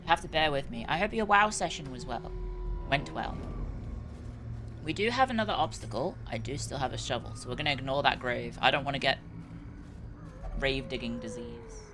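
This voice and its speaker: A woman's voice: extremely low pitch, moderate pace, pauses often, background noise. A woman doing casual live stream commentary on a game, chatty and reacting aloud with exclamations. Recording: music behind the voice. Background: game music.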